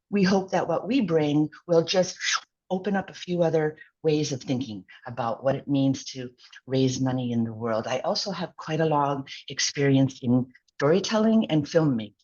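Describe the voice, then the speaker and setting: A woman with a low, husky voice introduces herself as a course facilitator. She rambles a little and speaks modestly. The sound is dull and lo-fi, like laptop video-call audio. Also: moderate pace, a little mellow.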